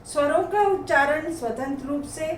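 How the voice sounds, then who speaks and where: A woman teacher giving a Hindi grammar lesson, explaining slowly and saying each example word twice for pronunciation, recorded in an echoey room from a distance. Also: high voice, a little hiss or hum. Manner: slow, explanatory, repeats words twice for pronunciation.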